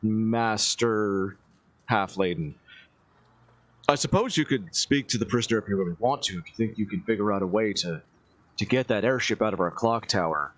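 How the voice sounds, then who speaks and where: A man's voice: fairly low pitch, normal speed, natural voice. A man voicing a flustered, polite guard captain who stammers and hesitates.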